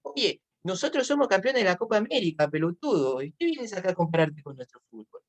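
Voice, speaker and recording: A woman's voice: fairly low pitch, very animated, brisk. A woman voicing a cocky Argentine football fan with an imitated Argentine accent, taunting and scornful. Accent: Argentine Spanish, imitated.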